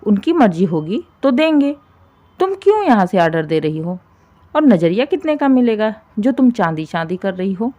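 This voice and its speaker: A shrill, taunting older mother-in-law, as a woman storyteller puts her on, her voice pushed up high and loud. She nags and complains with a grasping, sharp tongue, like a figure in a spoken family drama storybook. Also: sing-song, moderate pace, lo-fi sound.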